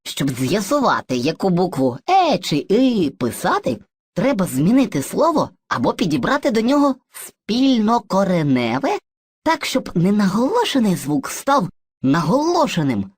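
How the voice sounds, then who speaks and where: A woman's voice: medium pitch, big pitch swings, normal speed, breathy edge, no echo, studio quality. A woman voicing Surzhyk, an eager, muddled boy who is personified mixed speech, in an educational cartoon, boastful and hesitant by turns. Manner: boastful, hesitant, playfully theatrical.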